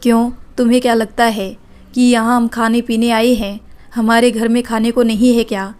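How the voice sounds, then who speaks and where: A woman's voice: fairly high pitch, flat delivery, normal speed, a little mellow, natural voice. A woman voicing an outspoken, caring elder sister-in-law in a read-aloud family story. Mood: angry. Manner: firm, reproachful.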